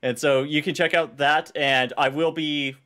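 A man running a livestreamed tabletop game as game master, talking in a halting way with fillers and restarts. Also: a little high, fairly even intonation, pushed and bright.

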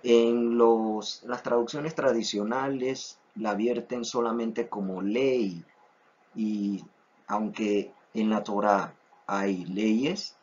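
A man teaching an online Hebrew lesson, slow and deliberate, repeating each word three times so it sinks in. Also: lowish voice, fairly even intonation, darkish tone, slightly rough. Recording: dull lo-fi recording.

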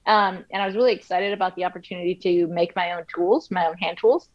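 A woman's voice: fairly low pitch, fairly even intonation, fast. Rambling woman woodworker on dull audio. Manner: rambling, frequent fillers and restarts. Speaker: woodworker and guest. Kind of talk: casual interview chat. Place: home office and wood shop.

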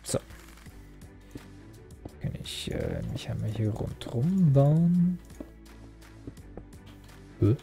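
Young male gaming host, casual self-mocking chatter, dark gravelly tone. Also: medium pitch, huge pitch swings, very slow, long pauses, soft background music. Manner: rambling, self-mocking, frequent fillers and restarts. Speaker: Let's Play host. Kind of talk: casual gameplay commentary.

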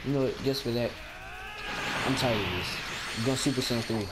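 A man giving excitable, trash-talking commentary while playing a video game. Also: medium pitch, moderate pace, very noisy. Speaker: gamer. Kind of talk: let's play commentary. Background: game music.

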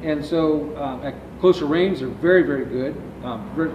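A middle-aged man answers interview questions about his business at length while gesturing with his hands. His voice is a little high, and it is picked up by a distant camera in a large, echoey warehouse. The audio is dull, with clear background noise. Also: moderate pace. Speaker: ammunition company founder, interview guest. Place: large warehouse with shelving, indoors.

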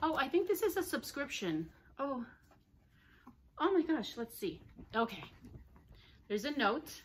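Gushing, excitable woman unboxing at home. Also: sits high, measured pace, slight background noise. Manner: gushing, excitable, chatty with her dogs. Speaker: vlogger. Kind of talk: casual unboxing chat. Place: home, indoors.

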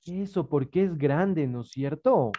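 Low-voiced patient woman teacher on a video call. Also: lively intonation, unhurried, mellow, a little hiss or hum. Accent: Ecuadorian Spanish. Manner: patient, coaxing, uses diminutives. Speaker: primary school teacher. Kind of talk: online class over video call. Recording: muffled video-call audio.

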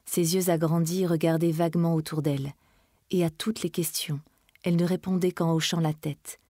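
A woman reads a classic novel aloud in a measured, dramatic way. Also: fairly low pitch, steady tone, dark tone, dry recording, studio quality. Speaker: reader. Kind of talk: literary reading.

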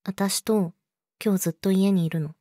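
A woman's voice: mid-range voice, fairly even intonation, moderate pace, warm tone, no echo, clean studio sound, natural voice. A woman playing a young, clingy yandere girlfriend in an intimate audio drama, sweet and eerily obsessive, coaxing the listener. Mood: possessive, pleading.

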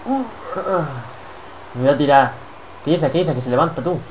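A man's voice: mid-range voice, fast, a little mellow, low-quality recording. A young man with a Spanish accent from Spain, giving rowdy, swear-filled commentary while playing a wrestling game and taunting his opponent. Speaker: gameplay commentator. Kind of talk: excited let's-play commentary.

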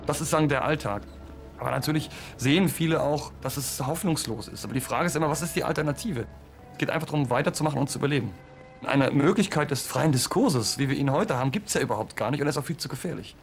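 A man's voice: a little high, fast, soft background music. A man in his forties, a historian in an expert interview in a studio, explaining while thinking aloud. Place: interview studio with dark backdrop.

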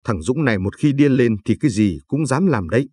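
A man's voice: medium pitch, expressive, a little fast, dark tone, slightly rough, dry recording. A man reading the part of a cruel, contemptuous husband who sneers, insults and threatens in a storybook reading. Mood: threatening.

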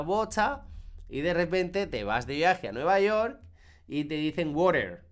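Lively man teaching English. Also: fairly high pitch. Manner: lively, demonstrative, repeats words for emphasis. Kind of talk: online class explanation.

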